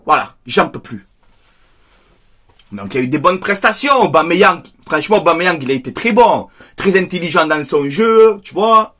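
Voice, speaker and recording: A man's voice: high voice, expressive, fairly quick, few pauses, sharp tone. A man hosting a football fan video, upset and worked up, ranting and repeating himself as he talks straight to his viewers. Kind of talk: casual angry match debrief.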